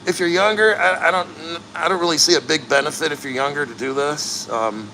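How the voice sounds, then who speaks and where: A man chatting casually and bluntly to livestream viewers, earnest and straining through the cold as he sits neck-deep in an ice plunge. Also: brisk, bright, forceful tone, a little hiss or hum, rough recording. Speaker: livestream host.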